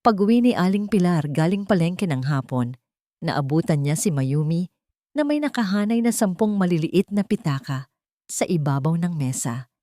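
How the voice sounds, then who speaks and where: Narrating a dramatic tale, a Filipino woman speaks animatedly at a normal pace, her slightly low voice very mellow and soft around the edges. The audio is close and dry, with no room ambience at all.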